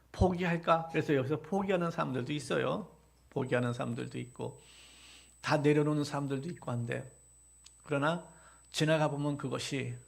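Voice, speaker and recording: A male pastor with a notably high voice delivers a live Sunday sermon in a church sanctuary. He quizzes the congregation with rhetorical questions and swells from soft, reflective passages into loud, insistent exhortation. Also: gravelly.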